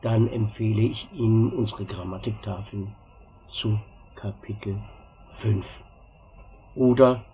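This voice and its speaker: A man teaching a beginners' language class, saying each drill sentence slowly and clearly, then repeating it for students to copy. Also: fairly low pitch, fairly even intonation, dark tone, poor audio. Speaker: German teacher. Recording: faint background noise.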